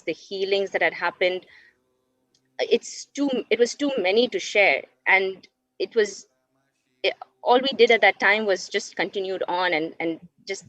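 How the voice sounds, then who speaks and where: Speaking as a guest in an interview, a thirtysomething woman from Dubai reflects earnestly on her life story. Her voice sits at a medium pitch and has a fairly bright tone. There's no room sound, and the stream audio is lo-fi, dull and dry.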